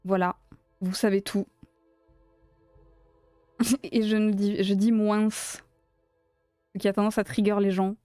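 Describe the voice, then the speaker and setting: A woman's voice: mid-range voice, level tone, slow, long pauses, dark tone, no room sound, clean studio sound, soft background music. A woman from south-west France with a south-west French accent, chatting casually and playfully on a crochet live stream and laughing often as she answers her chat.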